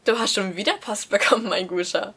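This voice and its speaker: A woman's voice: mid-range voice, brisk, pushed and bright, breathy edge. A woman voicing a caring, teasing middle-aged mother in a read-aloud story, lifting her voice and speaking in a cheerful tone.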